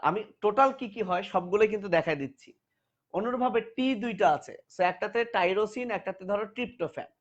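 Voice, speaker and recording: Man drilling terms in a lo-fi lecture. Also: high-pitched. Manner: repeats terms over and over for students to chant back; informal, addresses students directly with warnings. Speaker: biology teacher. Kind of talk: classroom lecture with call-and-repeat drills.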